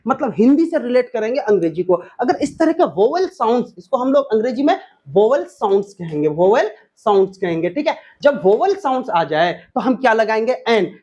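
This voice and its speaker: A man's voice: very high voice, darkish tone. A man teaching an exam-prep grammar lesson, who asks questions and answers them himself, repeats key points and spells words out letter by letter.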